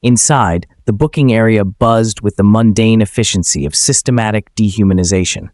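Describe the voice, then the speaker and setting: A man giving scripted, suspenseful dramatic narration in a measured way. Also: fairly low pitch, darkish tone, no room sound, clean studio sound.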